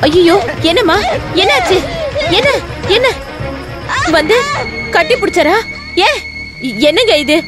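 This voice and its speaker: An actress playing a protective household maid who speaks in an agitated, defiant way. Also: female voice, very high voice, expressive, takes it slowly, pauses often, exaggerated voice. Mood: alarmed. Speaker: film character. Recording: film soundtrack with loud music.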